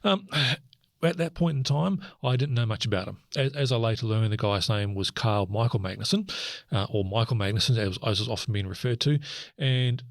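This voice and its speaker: A middle-aged man, recounting events as an interview guest in a halting way, full of restarts and fillers. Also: medium pitch, vocal fry, dry recording.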